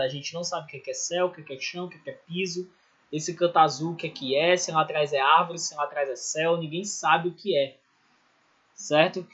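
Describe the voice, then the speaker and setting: A man's voice: sits high, a bit bright, lo-fi sound. A man teaching an art class, explaining at length and checking in with constant tag questions and restarts. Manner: explanatory, many "né?" and "ou seja" tags, self-corrections. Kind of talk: recorded online class lecture.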